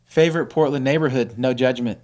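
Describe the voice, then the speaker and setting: A man's voice: mid-range voice, a little fast, a little mellow. Mid voiced guy cohost, sure of himself, casual mortgage talk. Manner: confident, explains with practical detail. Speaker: mortgage lender co-host. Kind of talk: casual podcast chat.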